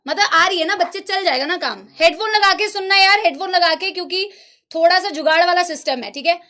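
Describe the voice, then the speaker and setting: High-voiced chatty woman teacher. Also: a little fast, pushed and bright. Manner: chatty, addresses students fondly. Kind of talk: live online class talk. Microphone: laptop.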